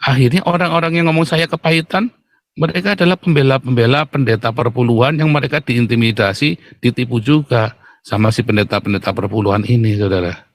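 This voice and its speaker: A middle-aged man, preaching a fiery sermon in a blunt, mocking, booming way. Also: fairly quick, no room sound. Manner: blunt, mocking, booming, addresses listeners as "saudara".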